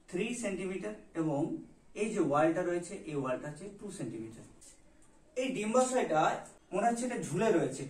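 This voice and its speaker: A man teaching biology over a diagram, asking and answering his own questions and mixing English terms into his explanation. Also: on the high side. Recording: roomy echo, voice from a distance.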